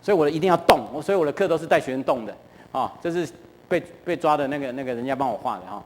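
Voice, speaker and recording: Man, Taiwanese Mandarin accent, middle-aged, church guest speaker, chatty storytelling, high voice, long hall reverb. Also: lively intonation, very fast, a little mellow. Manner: chatty, keeps asking the audience questions. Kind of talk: lively storytelling talk to a live audience.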